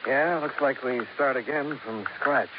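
An actor playing a terse, matter-of-fact police lieutenant who also narrates, in an old radio drama. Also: male voice, mid-range voice, measured pace, natural voice. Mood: flat. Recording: muffled old radio recording with hiss.

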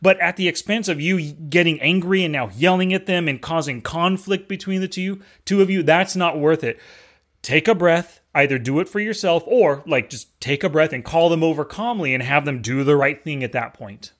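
A man's voice: a little high, moderate pace, fairly bright tone. A man co-hosting a podcast in casual chat, steadily laying out life lessons. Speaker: podcast co-host.

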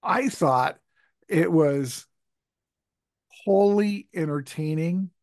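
Joking podcast co-host, dry close sound. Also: male voice, a little high, drawn-out words, a little mellow, no room sound. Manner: joking, rambling, laughs often. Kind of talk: casual chat.

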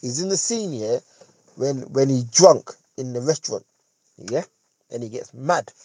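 A man's voice: mid-range voice, lively intonation, measured pace, darkish tone, slightly rough, no echo, poor audio. A man with a London roadman accent and urban street slang gives a casual, opinionated monologue as a host, repeating phrases for emphasis and checking that listeners follow. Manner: emphatic, repeats phrases, seeks agreement with tag questions. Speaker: podcast host.

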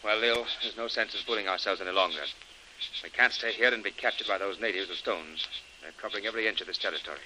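A man playing a fast-talking brave adventurer. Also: on the low side, noisy background, natural voice. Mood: urgent. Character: brave adult male adventurer leading escape. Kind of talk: 1930s radio drama acting.

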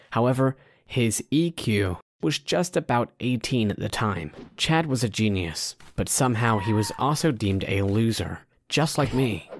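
A man's voice: fairly low pitch, a little hiss or hum. A man narrating a scripted first-person story like a storytime vlogger, speaking directly to listeners.

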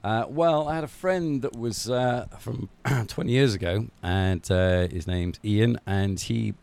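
A man's voice: on the low side, a little slow, vocal fry, a little mellow. A man from Wales with a Welsh accent, a podcast guest chatting casually and joking about himself. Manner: playful, self-mocking. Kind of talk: casual chat.

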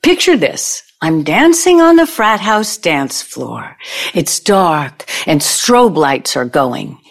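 A woman voices a vengeful ex-girlfriend, an older character in an audio play, using a lowish, highly animated, exaggerated voice. She taunts and needles as she spins her tale with theatrical, deliberate storytelling and plenty of drama.

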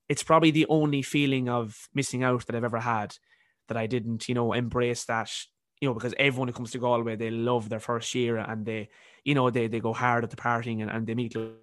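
A man in his early twenties with a softened Cavan Irish accent, speaking reflectively in an interview and repeating words as he thinks. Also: mid-range voice, no echo, studio quality. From County Cavan, Ireland. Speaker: podcast guest, university student.

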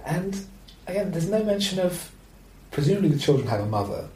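Animated man hosting a film chat. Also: high voice, fairly quick, reverberant, a little hiss or hum, low-quality recording. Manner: rambling, animated, with frequent fillers. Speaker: podcast host. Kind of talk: casual film discussion.

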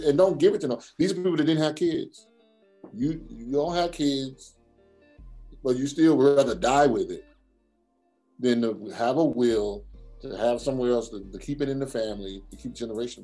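Male guest, husky and warm, slow reflective cadence, faint guitar behind. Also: mid-range voice. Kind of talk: casual interview chat.

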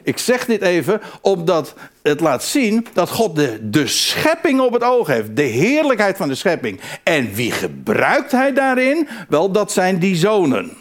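A man's voice: high voice, a little slow. A man preaching a sermon, emphatic and repetitive, often restarting his phrases. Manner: animated, emphatic, repeats phrases, frequent restarts.

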